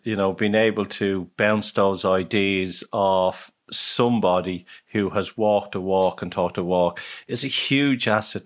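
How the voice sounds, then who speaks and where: A male host with a fairly low voice keeps the interview informal. His speech stops and starts as he works out what to say next. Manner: casual, halting, many restarts. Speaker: podcast host. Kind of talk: conversational interview.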